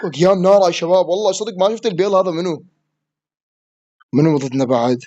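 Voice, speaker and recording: A man with an Iraqi Arabic accent commentates his own match at a rapid clip. His voice sits fairly high for a man, and he gets excitable, barking at opponents and cursing mid-play. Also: highs cut off, background noise. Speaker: gaming streamer. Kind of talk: live gameplay commentary.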